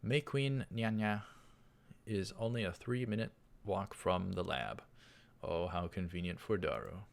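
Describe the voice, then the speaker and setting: A man reads visual novel text aloud for a let's play, commenting casually and offhandedly as game music plays behind him. His voice sits low, is a little slow, and has a creaky quality.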